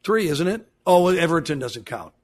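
A man's voice: fairly high pitch, sing-song, moderate pace. A man co-hosting a soccer show, chatting casually and restating phrases for emphasis as he analyses plays. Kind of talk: casual sports chat.

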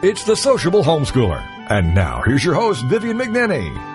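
Male announcer, upbeat intro read, very animated pitch, music bed behind. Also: moderate pace. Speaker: show announcer. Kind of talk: scripted show intro.

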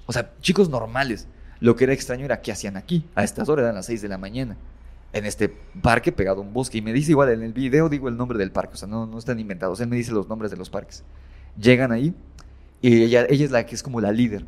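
A man's voice: medium pitch, a little mellow. A man casually retelling a horror story as a guest, rambling with many fillers and self-corrections.

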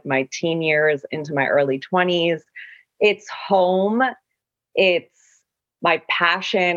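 A woman from Afghanistan who also grew up abroad, talking reflectively in an interview in a measured way, searching for her words. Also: low voice, fairly bright tone, dry recording, muffled recording. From Afghanistan, also raised in Russia and the US. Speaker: guest artist.

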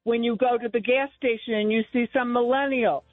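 A woman calling in to talk radio, speaking earnestly and haltingly about politics, often restarting her phrases. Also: on the high side, steady tone, no echo, faint music behind. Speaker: radio call-in guest. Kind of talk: impassioned casual political talk. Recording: thin, narrow phone line.

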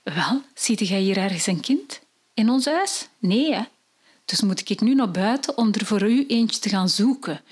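A woman's voice: medium pitch, lively intonation, unhurried, breathy edge. A woman with a Flemish accent voicing a fussy, eager-to-please husband in a told story. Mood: placating. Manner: soothing, chatty.

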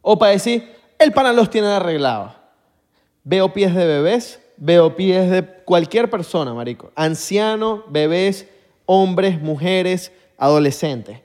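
A man's voice: high-pitched, takes it slowly, big-room sound. A young man with a Venezuelan accent, chatting casually and joking as a podcast co-host. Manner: animated, joking, slangy. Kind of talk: casual chat.

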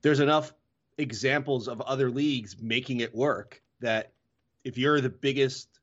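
A man's voice: mid-range voice, fairly even intonation, a little slow, a bit bright, lo-fi sound. Rambling man hosting a hockey podcast. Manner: rambling, self-correcting. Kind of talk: casual chat.

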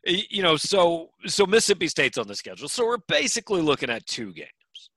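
A man's voice: a little high, very animated, a little fast, sharp tone, no room sound, low-quality recording. A man co-hosting a sports podcast in casual chat, with dry, wry humor and frequent restarts.

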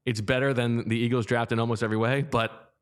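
A man co-hosts a sports podcast in a fast, clean, medium-pitched voice with a steady tone. The talk is casual sports chat, conversational and full of fillers, and he pushes back sharply on his co-host.

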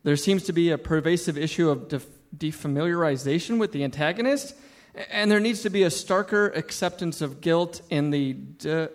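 A man's voice: on the high side, moderate pace, natural voice. A man playing a flustered fraud author. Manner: flustered, blustering, exasperated. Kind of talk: comedy radio sketch.

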